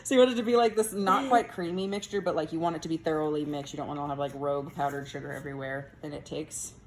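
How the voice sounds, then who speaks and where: Low-voiced chatty woman in a kitchen. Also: steady tone, fast. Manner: chatty, filler-heavy, laughs often. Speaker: co-host of a home candy tutorial. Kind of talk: casual cooking demonstration. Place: home kitchen. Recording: echoey kitchen, far from mic, noisy.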